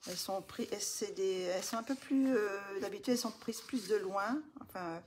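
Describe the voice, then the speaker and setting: A woman with a mid-range voice and a moderate pace presents coloring books in a casual show-and-tell chat. Soft-spoken, with many fillers, the vlogger often lowers to a near whisper and gushes over the pages. A little hiss or hum is audible.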